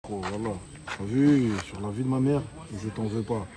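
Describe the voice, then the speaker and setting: A reality show contestant gives an earnest pep talk in rapid street slang. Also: male voice, lowish voice, crowd noise.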